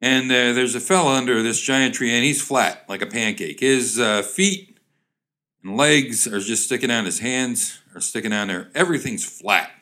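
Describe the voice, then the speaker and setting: A man's voice: mid-range voice, normal speed, pushed and bright. A man describing old cartoon pictures and reading corny jokes aloud, rambling with fillers and hamming up the quoted lines. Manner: rambling, chuckling, hammy voices for quoted characters. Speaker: comedic reader of old joke cartoons. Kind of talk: ad-libbed comic commentary and joke reading.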